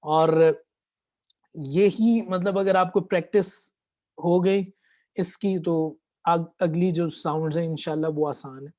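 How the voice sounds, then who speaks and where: A man's voice: fairly high pitch, steady tone, darkish tone. Patient male teacher drawing out throat sounds. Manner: slow drawn-out demonstrations of throat sounds. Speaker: Quran reading teacher. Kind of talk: patient spoken lesson on letter sounds.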